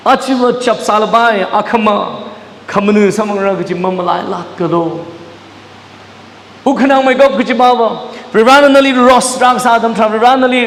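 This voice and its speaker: A man preaching a sermon in a church, dropping English words into his talk. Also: sits high. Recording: echoey church hall, mic at a distance.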